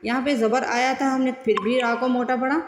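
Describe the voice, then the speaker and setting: A woman teaching Quran recitation, chanting verses slowly and drawn out, then explaining each sound step by step. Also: sits high, steady tone, a little hiss or hum. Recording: roomy with long reverb.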